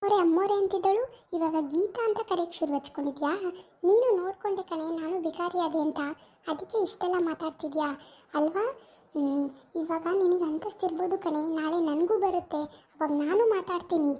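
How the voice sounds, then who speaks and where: A woman's voice: very high voice, a little fast. A woman playing a jealous, hot-tempered young wife in an amateur village drama, who hurls scornful insults. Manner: scornful, accusing, shouting insults.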